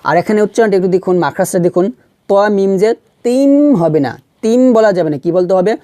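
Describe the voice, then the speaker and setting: A man teaching Quran reading step by step. He repeats syllables slowly to show how they are pronounced, and he asks questions and answers them himself. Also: high-pitched, warm tone, no room sound, clean studio sound. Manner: patient, repeats sounds and syllables slowly to demonstrate pronunciation. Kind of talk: step-by-step recitation lesson.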